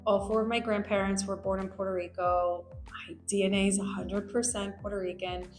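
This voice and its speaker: In a mid-range, level voice that runs a little fast, a New Jersey-raised American lawyer shares her personal story. She sounds reflective and conversational, leaning on many fillers. The audio comes from an echoey room with faint music behind her.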